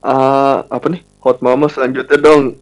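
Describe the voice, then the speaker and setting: A man with an Indonesian accent speaks in a medium-pitched voice. He chats casually as a podcast guest, in an informal and joking way. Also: little pitch movement, moderate pace, soft background music. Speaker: podcaster, live stream guest. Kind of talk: casual banter and chat.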